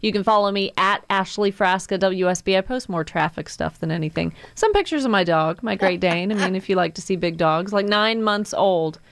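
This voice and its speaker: A woman's voice: medium pitch, brisk, hardly any pauses, no echo. Dry-sounding woman hosting a radio giveaway promo. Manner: informal, chatty ad-libs. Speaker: substitute radio host. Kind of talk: radio contest promo, live giveaway announcement. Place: radio studio. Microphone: close studio microphone.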